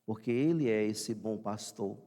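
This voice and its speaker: A Brazilian man, a priest, reading the Gospel and preaching a Sunday homily with measured pauses. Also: fairly low pitch, warm tone. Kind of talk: Sunday homily broadcast on radio. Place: church. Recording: church hall reverb.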